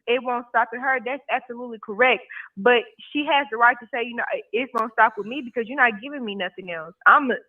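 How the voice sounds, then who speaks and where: A woman of about twenty calling in to a live show, talking casually and matter-of-factly, with many "you know" fillers. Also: on the high side. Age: 20s. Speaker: caller. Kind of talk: casual call-in chat. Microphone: phone. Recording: tinny phone line.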